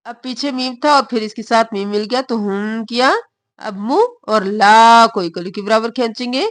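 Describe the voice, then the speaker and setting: A woman teaching Quran recitation rules. She draws the recited words out slowly and explains each sound in quick, short phrases. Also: a little high, no echo. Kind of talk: slow recitation and explanation lesson.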